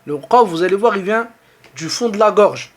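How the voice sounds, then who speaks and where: A man with a French accent and a high, light, animated voice gives an online lesson on the Arabic alphabet. He works through each letter and vowel slowly and patiently, returning to repeat them.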